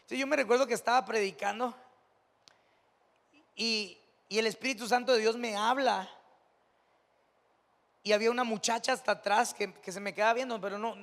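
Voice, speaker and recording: A man's voice: sits high, steady tone, moderate pace, creaky, long pauses, a bit bright, in a large hall. A man with a Mexican accent preaching a sermon as pastor, telling stories in a conversational way that builds to emphatic preaching. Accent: Mexican Spanish. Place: church sanctuary.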